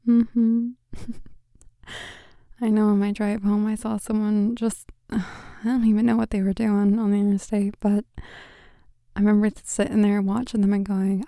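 A young woman in a soft, tender ASMR girlfriend roleplay, whispering and speaking gently into a close microphone with quiet laughs. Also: dry recording. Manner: soft, breathy whispering mixed with gentle low speech. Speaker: ASMR creator.

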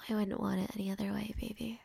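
Gravelly-voiced young woman whispering intimately. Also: medium pitch, flat delivery, quick pace, no echo. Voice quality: soft whispering, intimate and affectionate. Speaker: girlfriend in a roleplay. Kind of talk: ASMR roleplay.

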